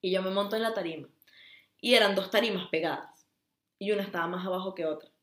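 A woman's voice: mid-range voice, fast, echoey room. A young woman with a Venezuelan accent co-hosting a casual podcast, telling stories with lots of laughter. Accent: Venezuelan Spanish. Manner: animated storyteller, laughs often. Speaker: podcast co-host. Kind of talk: casual chat. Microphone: mic with garlands.

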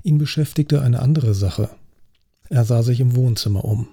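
A man reading a crime story as an audiobook narrator with a wry, even delivery. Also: mid-range voice, normal speed, breathy edge. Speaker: audiobook reader. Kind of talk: scripted narration.

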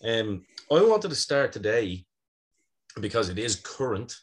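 A man's voice: lowish voice, very animated, measured pace. A man hosting a podcast in a casual, blokey, bantering chat style. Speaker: podcast host. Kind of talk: casual pro wrestling chat.

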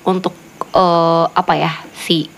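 A woman's voice: fairly low pitch, flat delivery, slow. A woman chatting casually, giving a friend earnest advice in long run-on stretches. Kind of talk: casual chat.

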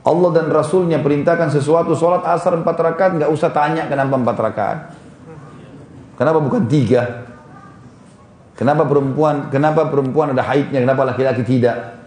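A man's voice: mid-range voice, a little mellow, roomy sound, a little hiss or hum. A man preaching in a casual storytelling way, pointing out places on a drawing and correcting himself as he goes. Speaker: Islamic preacher. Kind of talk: storytelling religious lecture.

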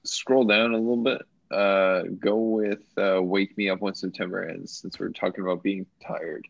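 A man's voice: sits low, flat delivery, moderate pace, gravelly, highs cut off. A man who is a guest on a casual podcast, answering in a laid-back, hesitant way with lots of fillers.

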